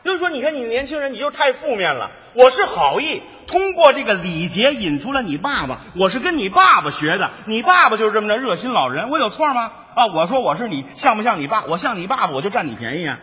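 A man's voice: high voice, sing-song, sharp tone, slightly rough. A man performing crosstalk comedy as the lead, teasing his partner and drawing out punchlines. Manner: boastful, teasing, drawn-out punchlines. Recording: echoey hall, muffled live sound.

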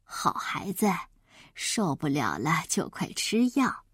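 A woman voicing a kindly, hard-of-hearing old grandmother, speaking low and softly with a doting manner. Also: very animated, slow pace, slightly rough, dry recording, clean studio sound, exaggerated voice.

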